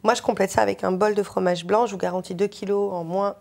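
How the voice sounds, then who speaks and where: A woman's voice: medium pitch, fairly even intonation, fast talker, gravelly, darkish tone. A woman presenting a diet column on a talk show, explaining a recipe with many hesitations. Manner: chatty, hesitant with fillers, reassuring. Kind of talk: studio talk show chat.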